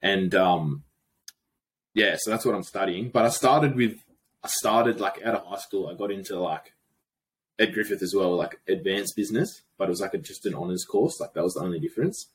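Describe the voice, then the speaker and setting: Deep-voiced young Aussie bloke, broad accent. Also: male voice, moderate pace, slight background noise, poor audio. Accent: broad Australian. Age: young adult. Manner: blokey, slangy, informal. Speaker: podcast guest. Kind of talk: casual chat.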